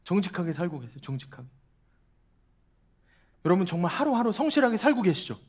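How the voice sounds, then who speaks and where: A man's voice: high voice, big pitch swings, brisk, darkish tone, husky. A male pastor giving a sermon to young adults, asking the congregation repeated questions and telling a humorous personal story. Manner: tells a humorous personal story with quoted dialogue.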